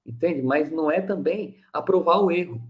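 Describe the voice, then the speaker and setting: A man's voice: a little high, normal speed, lo-fi sound. Conversational male spiritist lecturer. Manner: conversational, acts out little dialogues with a listener. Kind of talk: teaching talk.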